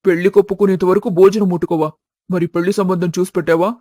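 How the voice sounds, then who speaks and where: A woman's voice: fairly low pitch, steady tone, quick pace, dark tone, no echo, voice pushed down, lightly acted. A woman voicing a middle-aged, easygoing father in a storybook tale. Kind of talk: storybook voice acting.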